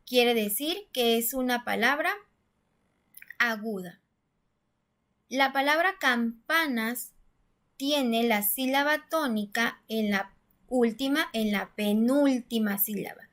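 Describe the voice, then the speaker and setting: A woman's voice: a little high, slow, pauses often, fairly bright tone. Patient woman teaching a lesson. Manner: patient, step-by-step explaining, stresses syllables aloud. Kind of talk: classroom-style grammar lesson.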